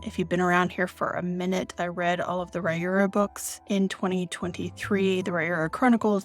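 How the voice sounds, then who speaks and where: An American woman in her forties, talking casually and expressively about books she has read. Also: mid-range voice. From United States, raised in Kenya. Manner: chatty, expressive, reads from her notes. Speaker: book reviewer. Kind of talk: casual book review vlog.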